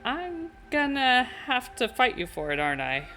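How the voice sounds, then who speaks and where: A woman's voice: medium pitch, big pitch swings, unhurried, fairly bright tone, soft background music. A woman voicing an easygoing, joking young male hero as she reads fan fiction aloud. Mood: playful.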